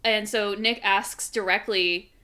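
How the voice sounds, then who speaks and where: A woman co-hosting a podcast, recapping events at length as an animated storyteller in casual chat. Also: mid-range voice, slow pace. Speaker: podcast co-host.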